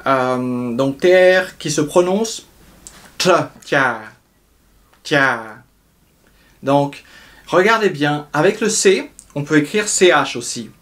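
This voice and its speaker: A young male teacher walks through a pronunciation lesson at an unhurried pace. His voice sits a little high for a man. He says each sound several times over, stretching it out so learners can follow. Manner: explains slowly, repeating sounds and drawing them out. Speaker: language teacher.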